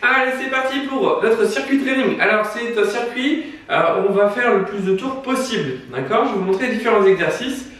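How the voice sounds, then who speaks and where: A man coaching a home workout class, counting out moves and giving brisk instructions, out of breath. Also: very high voice, a bit bright. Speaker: fitness coach. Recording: echoey room, far from the mic.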